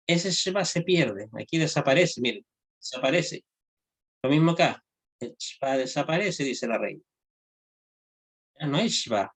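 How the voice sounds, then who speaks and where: Man teaching Hebrew grammar, halting and patient. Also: fairly high pitch, a bit bright. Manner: checks understanding with frequent tag questions; halting, restarts phrases often. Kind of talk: informal classroom lecture.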